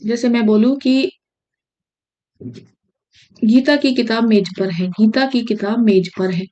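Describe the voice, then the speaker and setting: In a solo exam-prep grammar video, an Indian woman with a slightly high voice of dark tone teaches unhurriedly, close to the mic. She repeats each key phrase and keeps checking in with viewers while working through the answers, though the audio sounds dull.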